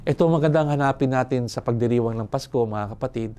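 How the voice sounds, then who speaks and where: Older male priest from Manila; relaxed storyteller's sermon, chatty, chuckling asides. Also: medium pitch, quick pace. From Manila, Philippines. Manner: conversational, chuckles and asks "no?" often. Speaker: priest giving a retreat talk. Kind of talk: reflective sermon with personal stories.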